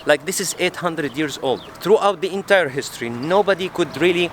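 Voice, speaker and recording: A man's voice: on the high side, fairly quick, a loud crowd. A man from Syria guiding a visitor, explaining earnestly and firmly outdoors. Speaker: local guide. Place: outdoors at a hilltop citadel.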